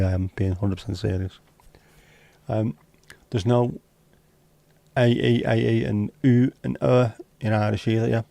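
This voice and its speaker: A man's voice: on the low side, creaky, mellow, no room sound. A man hosting a casual livestream, reading out chat messages and teasing viewers with jokey, lightly sweary banter. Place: home livestream setup.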